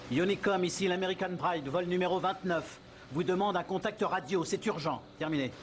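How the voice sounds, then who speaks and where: A pilot calling on cockpit radio. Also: male voice, high-pitched, brisk. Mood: urgent. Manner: formal radio call phrasing. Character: male airline pilot radioing for help. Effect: pilot calling on cockpit radio headset. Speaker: airline pilot. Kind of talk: dubbed film acting. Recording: noisy soundtrack.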